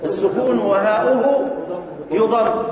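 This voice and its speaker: Egyptian sheikh teaching quran recitation, keeps asking the class questions, muffled lo-fi sound, faint hiss. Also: male voice, sits high. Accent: Egyptian Arabic. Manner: quizzing students with rhetorical questions, chanting verse lines slowly. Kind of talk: classroom lesson explaining verse. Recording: distant, echoey hall, muffled lo-fi.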